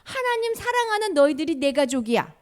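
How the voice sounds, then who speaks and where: A woman voicing a calm, patient man who gently explains things to a group of children in a Bible story. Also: high voice, a little fast, pitched above the performer's own voice. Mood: gentle. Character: calm, patient male teacher speaking to children.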